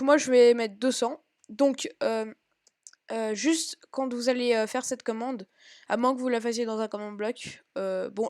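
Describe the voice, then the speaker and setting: Woman, casual tutorial voice-over, halting and self-correcting delivery, a touch high-pitched, dry booth-like sound. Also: darkish tone, no room sound. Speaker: Minecraft tutorial maker. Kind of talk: casual screen-recorded game tutorial. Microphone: own home microphone.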